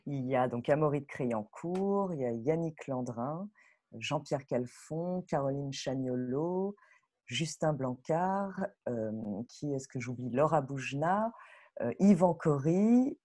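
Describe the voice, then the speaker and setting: A woman appears as a guest director on a panel, talking casually and off the cuff in an animated, digressive way. Her voice is low and her pace slow.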